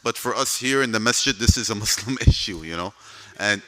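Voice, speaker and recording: A man's voice: lowish voice, brisk, pushed and bright. A man from Palestine, speaking for an advocacy group, answers audience questions in a mosque hall in a conversational way, often saying "you know".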